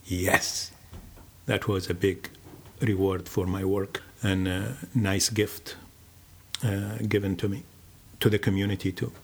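An older man recalls his own life in a low, unhurried voice. He speaks very slowly and reflectively, stopping often between phrases as he tells his story. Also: flat delivery, creaky, slightly rough. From Iraq. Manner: slow, measured, reflective with many pauses. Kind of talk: personal storytelling.

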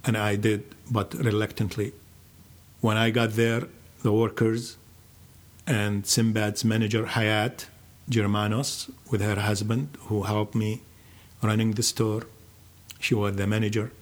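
Slow-spoken older man. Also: lowish voice, level tone. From Iraq. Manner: slow, measured, reflective with many pauses. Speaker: interviewee telling his life story. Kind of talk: personal storytelling.

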